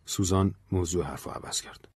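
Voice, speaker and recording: A man's voice: low voice, creaky, slightly rough, no echo. A man narrating an audiobook story expressively into a close mic. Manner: expressive, varied.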